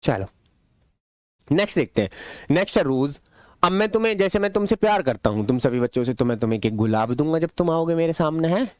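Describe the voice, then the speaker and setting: A male teacher with a lively, sing-song voice that leaps up and down as he explains words. He quizzes his students playfully and answers his own questions. The recording is close and dry, with no room sound. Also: on the high side, fast talker, no room sound. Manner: affectionate toward students. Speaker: English teacher. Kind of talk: classroom-style language lesson.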